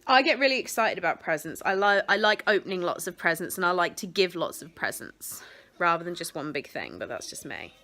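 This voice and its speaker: A woman's voice: on the low side, big pitch swings, a little fast, bright, forceful tone. A woman chatting casually to her phone camera at home, rambling and breaking off mid-thought. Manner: rambling, chatty, self-interrupting. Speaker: vlogger. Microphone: phone camera clipped on a window ledge.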